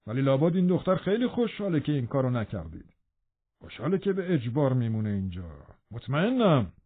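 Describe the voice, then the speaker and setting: A man's voice: medium pitch, big pitch swings. A man reading aloud, voicing a cruel, domineering man who speaks harshly and with scorn in an audiobook. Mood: scornful. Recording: narrow phone-like band.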